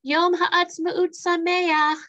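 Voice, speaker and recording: A woman voicing a cheerful young woman train driver, friendly and bright, on a dull lo-fi recording. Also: high voice, big pitch swings, normal speed, exaggerated voice.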